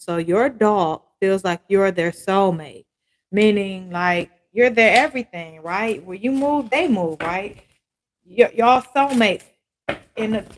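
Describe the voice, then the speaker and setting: A woman talks through an oracle card reading in a relaxed, rambling way. She often tags her lines with a questioning "right?" and repeats points with small stumbles. Her voice sits at an ordinary, middle pitch for a woman. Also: slight background noise. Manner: chatty, ends many phrases with "right?"; loose, repetitive phrasing with fillers and restarts. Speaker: tarot and oracle card reader. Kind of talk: casual spoken card reading to viewers.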